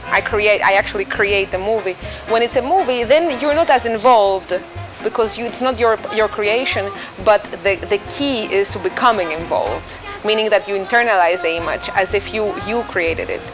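A Greek-accented woman in her thirties, a musician, answers interview questions thoughtfully, with lots of fillers and restarts. Her voice sits at medium pitch and moves at a moderate pace. She's indoors in a dim restaurant or bar, with soft music playing underneath.

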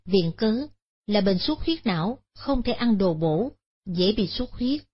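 Woman, Buddhist story narration, solemn, husky voice, lo-fi. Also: medium pitch, lively intonation, unhurried. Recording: dull lo-fi sound.

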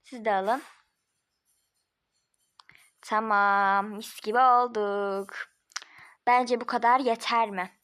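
A woman with a bright, slightly high voice runs a casual home-made doll role-play. She chats in an easygoing way and switches between friends talking together. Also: steady tone, slow, pauses often, clear, resonant tone. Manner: chatty, casual, voices several characters.

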